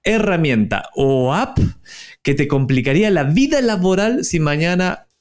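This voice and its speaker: A man's voice: on the high side, animated. Upbeat Rioplatense podcast host, man. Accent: Rioplatense Spanish. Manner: playful, quick rapid-fire questions. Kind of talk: casual interview chat.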